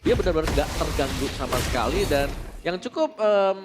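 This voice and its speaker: A man's voice: on the high side, sing-song, fairly quick, over music. An Indonesian man giving analytical live commentary on an esports match as one of the casters.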